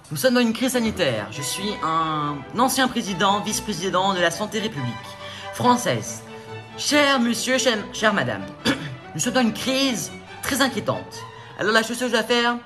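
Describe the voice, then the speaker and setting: A man voicing a pompous rich former male vice-president who talks smugly, puffs himself up and keeps backpedalling, in a comedic sketch speech. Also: sits high. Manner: smug, self-important, backpedalling.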